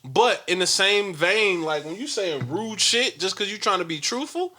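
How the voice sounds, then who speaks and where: A man co-hosting a casual podcast, relaxed and often laughing, acting out talks with his daughter. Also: sits high, moderate pace. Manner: laid-back, laughs often, acts out dialogue with his daughter. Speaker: podcast co-host and father. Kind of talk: casual chat.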